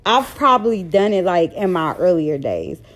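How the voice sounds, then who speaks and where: A woman's voice: on the low side, big pitch swings, normal speed, fairly bright tone. A woman in her thirties hosting a podcast on her own, talking bluntly and candidly in a casual monologue and sometimes stumbling over her words. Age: 30s. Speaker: podcast host.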